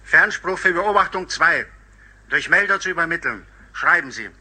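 A man playing a brisk regimental signaller dictating formal, clipped orders over a field telephone in a war radio play. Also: a little high, lively intonation, pushed and bright, slightly rough, exaggerated voice. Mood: urgent, official.

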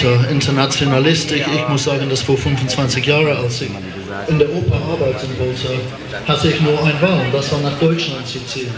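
A man from England with an English accent, an opera director giving a speech at a demonstration, pausing on fillers as he hunts for words. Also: mid-range voice. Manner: hesitant, searching for words with fillers. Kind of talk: rally speech. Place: outdoor demonstration in a town square. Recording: echoey outdoor rally with noise.

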